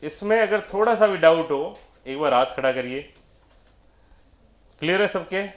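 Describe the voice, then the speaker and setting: A man's voice: on the high side, animated, unhurried, echoey room. A male teacher giving a classroom lecture, asking the class questions and answering them himself. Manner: quizzing students, answering his own questions.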